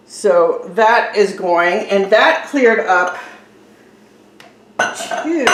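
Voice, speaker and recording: Slow, chatty woman in an echoey kitchen. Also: medium pitch, fairly bright tone. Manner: chatty and rambling. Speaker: vlogger. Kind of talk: casual decluttering vlog. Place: home kitchen. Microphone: camera on a tripod. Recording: echoey room with faint noise.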